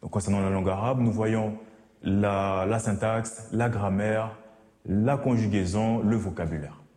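An earnest, measured man in his thirties from French Guiana speaks with a low, mellow voice. The sound carries a noticeable room echo. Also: fairly even intonation. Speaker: theology student. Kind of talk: documentary interview. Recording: roomy echo.

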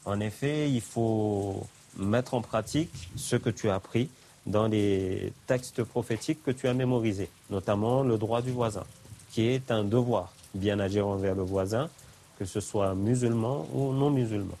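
A man's voice: fairly low pitch, unhurried, dark tone. A man teaching a class, speaking in a patient, instructive way.

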